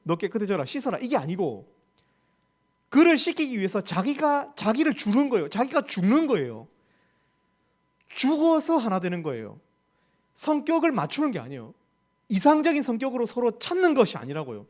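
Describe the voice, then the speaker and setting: A man's voice: extremely high pitch, wildly swooping pitch, normal speed, pauses often. A man with a Gyeongsang accent preaching a sermon as campus ministry staff. He speaks emphatically, asks rhetorical questions and repeats key phrases. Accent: Gyeongsang Korean.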